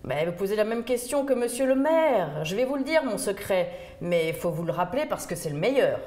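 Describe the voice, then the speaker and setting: A woman voicing a jolly, hard-of-hearing centenarian countrywoman who talks loudly and repeats herself. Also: medium pitch, very animated, brisk, close to an everyday voice. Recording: roomy echo.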